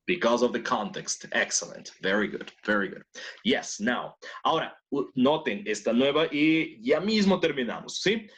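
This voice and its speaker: Lively bilingual English teacher man. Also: mid-range voice, unhurried. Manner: explains in Spanish and English, checks in with "¿no es cierto?". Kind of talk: online class explanation.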